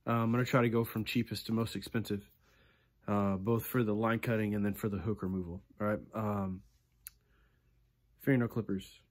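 A man in his thirties hosting a fishing channel, giving a casual walkthrough of his gear close to a phone camera in a small indoor room, relaxed and chatty, often tagging lines with "right?" and "okay". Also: fairly low pitch, normal speed.

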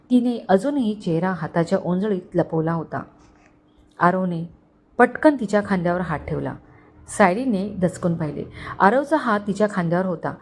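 A woman storyteller giving scripted narration of a romantic family story in a steady, expressive way. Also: mid-range voice.

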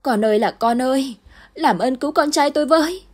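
A woman voicing a grieving young mother who pleads and cries out in a raised voice, with a husky tone. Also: moderate pace, dark tone, natural voice. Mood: distraught. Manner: pleading, crying out high.

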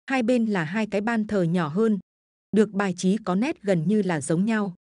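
A woman telling a scripted spooky folk tale in a steady, even voice. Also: mid-range voice, normal speed, dry recording, clean studio sound. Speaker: storyteller.

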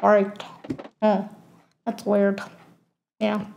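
A woman's voice: mid-range voice, monotone, drawn-out words, vocal fry, warm tone, lo-fi sound, a little hiss or hum. A woman hosting a gaming channel, giving a casual tour of her game world and stopping often with fillers and self-corrections.

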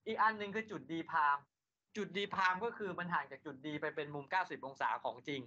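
Bright-toned man lecturing, lo-fi. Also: on the high side, lively intonation, a little fast. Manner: asks students rhetorical questions, then answers them himself. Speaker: university engineering lecturer. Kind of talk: classroom lecture. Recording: lo-fi lecture recording.

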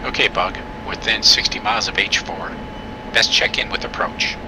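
Actor as male fighter pilot lead, game radio chatter, creaky voice, businesslike and clipped, cockpit noise. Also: fairly low pitch, steady tone, moderate pace, natural voice. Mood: calm, procedural. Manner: clipped, procedural. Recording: loud aircraft cockpit noise.

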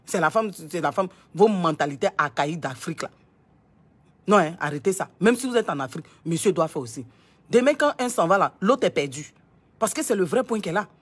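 A woman's voice: on the low side, animated, a little fast, slightly rough. A young woman scolds her listeners in a casual, impassioned monologue, repeating herself and stammering over words. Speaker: online commentator.

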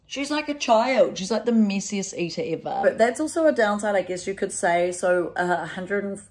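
A woman's voice: mid-range voice, normal speed, darkish tone. A woman vlogging casually at home, filming on a handheld camera and chatting with filler words and baby-talk to her cats. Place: home, indoors. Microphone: handheld camera and phone.

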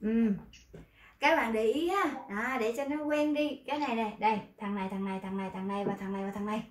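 A Vietnamese-speaking woman teaching Korean pronunciation in an online class, lively, explaining and then reading model sentences slowly. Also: a little high, echoey room.

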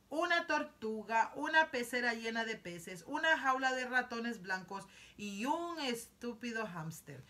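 A spoiled, demanding rich girl whines loudly and insists on getting her way, played by a woman reading aloud. Her voice is pitched up and bright, with a bratty, insistent edge. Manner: whiny, loud, demanding.

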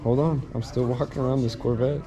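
A man's voice: medium pitch, fairly even intonation, crowd noise. A man, a father vlogging casually from a car dealership and reading a daily devotional. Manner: easygoing, quick-talking, says y'all. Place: car dealership showroom, then home.

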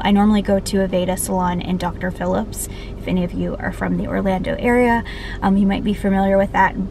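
A woman's voice: medium pitch, darkish tone, slight background noise. A woman in her thirties, a lifestyle vlogger, talking to a handheld phone camera in a chatty, upbeat way with frequent laughs. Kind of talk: casual vlog talk to camera.

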